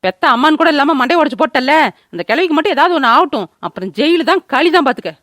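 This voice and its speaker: A woman voicing a sharp-tongued village woman neighbour, bossy and scolding. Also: high voice, expressive. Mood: berating. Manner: scolding, bossy, rapid-fire. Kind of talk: cartoon voice acting.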